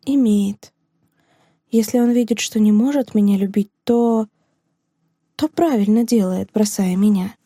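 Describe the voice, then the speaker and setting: A woman's voice: a little high, no echo, clean studio sound, close to an everyday voice. A woman voicing a heartbroken, resolute teacher. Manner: trembling, hushed, then firm. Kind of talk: audiobook dialogue reading.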